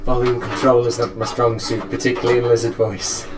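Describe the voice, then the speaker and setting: A man's voice: medium pitch, flat delivery, fairly quick, echoey room. A man chatting and joking casually as a player in a tabletop game.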